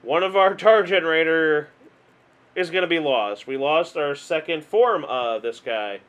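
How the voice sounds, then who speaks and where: Male card game host, high voice, casual exasperated play-by-play with self-deprecating laughs. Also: a little slow, a bit bright, clean tone, muffled recording. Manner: chatty, exasperated, self-mocking; hums and sighs, laughs at himself. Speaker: gaming video host.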